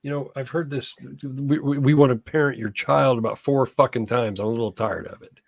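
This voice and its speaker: A man's voice: medium pitch, steady tone, a little fast, no room sound. A man co-hosting a podcast who talks in a profane, mocking way. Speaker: podcast co-host. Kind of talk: casual chat.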